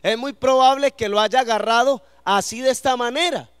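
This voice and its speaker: High-voiced man preaching a sermon. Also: normal speed, a bit bright, clear, resonant tone, no echo, studio quality. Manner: asks the congregation questions and lets them answer. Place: church before a congregation.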